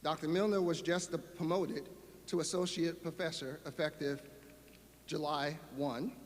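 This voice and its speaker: A man's voice: fairly high pitch, steady tone, measured pace. A man introducing a speaker over a PA system. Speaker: ceremony presenter. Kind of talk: formal introduction. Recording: reverberant PA sound with faint background noise.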